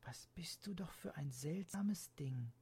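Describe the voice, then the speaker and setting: A man voicing an excited little girl turning eight, speaking high and breathy. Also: slow pace, exaggerated voice. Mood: hushed wonder.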